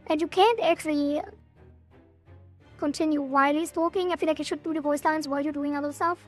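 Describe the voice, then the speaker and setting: High-voiced woman streaming a game. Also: fairly even intonation, fairly quick, soft background music. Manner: thinking aloud. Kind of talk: casual gameplay commentary, reading game text aloud.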